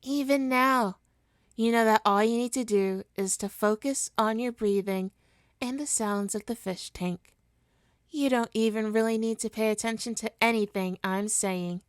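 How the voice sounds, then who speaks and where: In an ASMR roleplay, a woman plays a smug, seductive supervillain, teasing and coaxing her hero nemesis with deliberate, hypnotic speech. Her mid-range voice is clear, resonant, and natural. The recording is dry and studio quality.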